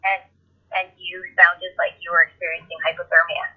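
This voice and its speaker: A woman with a husky voice talks in a casual podcast chat. She sounds caring and reflective and often restarts her sentences. The recording is dull and lo-fi. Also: on the low side, level tone, brisk. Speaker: podcast guest.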